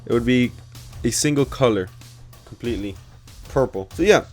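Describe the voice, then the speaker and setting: A man doing casual, informal gaming commentary, rambling as he thinks out loud. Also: mid-range voice, moderate pace. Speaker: gaming video creator. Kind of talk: casual screen-recorded commentary. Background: background music.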